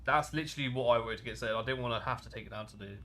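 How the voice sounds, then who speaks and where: A man streaming a role-play game, chatting casually in a relaxed, matter-of-fact way. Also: mid-range voice, racing, slight background noise.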